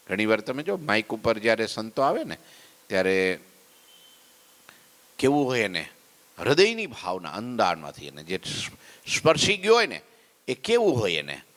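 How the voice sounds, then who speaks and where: Low-voiced man preaching in a reverberant hall. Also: a bit bright. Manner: storytelling, sings verses of hymns slowly. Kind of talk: devotional sermon. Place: temple hall. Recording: long reverb of a temple hall.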